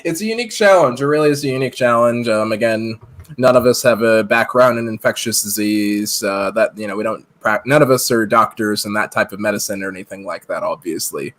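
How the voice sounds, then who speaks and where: A man in his thirties co-hosts a casual live-stream podcast from a room at home over a video call. His voice is on the low side, brisk and fairly bright, and he laughs often while reading the chat aloud.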